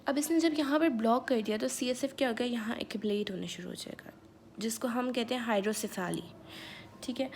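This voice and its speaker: A woman with a raised, gravelly voice and a slightly sore throat talks through a lecture in a relaxed, chatty way, checking in with listeners as she goes. A faint hiss sits under the recording. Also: on the high side, brisk. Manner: chatty, mixes English terms, repeats "theek hai". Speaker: medical lecturer. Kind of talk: casual online lecture.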